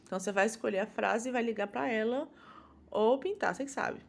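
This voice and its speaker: A woman's voice: fairly high pitch, a little fast, vocal fry. A woman with a Brazilian Portuguese accent teaching a phonics lesson to young children, patiently sounding out syllables one at a time.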